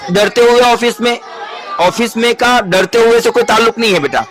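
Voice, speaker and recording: Coaxing high-voiced male teacher. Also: fairly bright tone, a faint crowd. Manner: coaxing, call-and-response drilling. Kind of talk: classroom grammar lesson.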